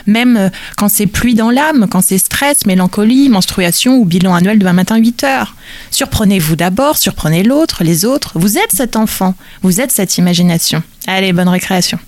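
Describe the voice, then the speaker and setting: A woman's voice: medium pitch, animated, normal speed, darkish tone, no echo. A woman delivering a humorous, theatrical monologue as a radio columnist, full of wordplay and playful asides.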